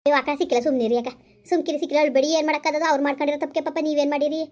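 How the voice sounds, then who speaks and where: A woman voices a kindly village woman in a rustic comedy skit, repeatedly hushing a crying mother. The voice is high and quick. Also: fairly even intonation, close to an everyday voice. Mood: soothing. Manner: soothing, gentle, repetitive hushing.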